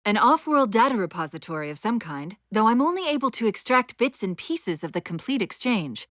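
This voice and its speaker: A female AI companion from a military sci-fi video game gives tactical orders urgently and crisply, sardonic and drily witty, in a focused, brisk mood. Her voice is high, bright, and sing-song, recorded close with no room sound.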